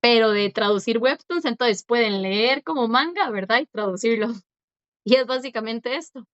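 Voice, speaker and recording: Patient woman teacher, slightly high voice. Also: animated, moderate pace, no echo. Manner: patient, repetitive, checks in with the class often. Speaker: language teacher. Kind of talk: live class explanation. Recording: dry, dull lo-fi sound.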